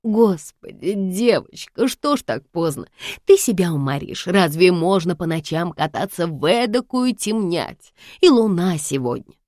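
A woman's voice: lowish voice, big pitch swings, unhurried, a little mellow, no room sound, clean studio sound, voice pushed up. A woman reading an audiobook voices an older housekeeper who fusses and frets in a clucking, emphatic way. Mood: fretting. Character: fussy old housekeeper, doting, superstitious worrier.

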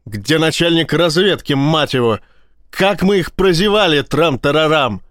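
A man voicing a hot-tempered male police vice-admiral who swears in loud, agitated outbursts. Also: on the high side, expressive, measured pace, dry recording, clean studio sound, pitched above the performer's own voice.

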